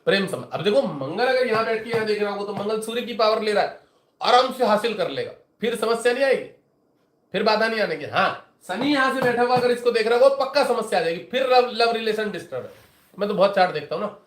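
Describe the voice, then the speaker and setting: A man's voice: high-pitched, lively intonation, fast, reverberant. A man, an astrologer and teacher, talking casually to his viewers in a rambling, chatty way and retelling conversations with his students.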